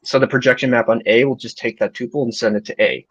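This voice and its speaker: A man's voice: medium pitch, steady tone, fast, slightly rough, no room sound, muffled recording. A young man co-hosting a math chat over a video call, thinking aloud as he answers and adding jokey asides. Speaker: co-host answering questions. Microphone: video call mic.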